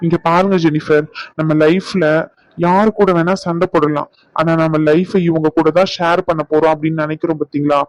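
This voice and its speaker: A man voicing a blunt, lecturing doctor in an animated drama. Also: fairly high pitch, fairly quick, dry recording, lightly acted, rough recording. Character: adult male doctor giving blunt advice.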